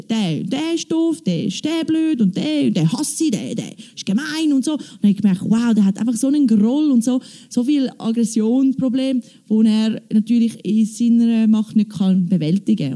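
A woman telling a church testimony on stage, animated, quoting dialogue in a chatty way. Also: a little high. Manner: animated storytelling, quoting with "ich so, sie so". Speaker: church member giving testimony.

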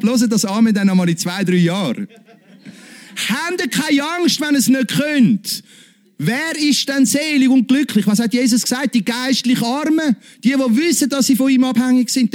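A man preaching a sermon, emphatic, with big swings in pitch and repeated calls of Amen. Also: a little mellow.

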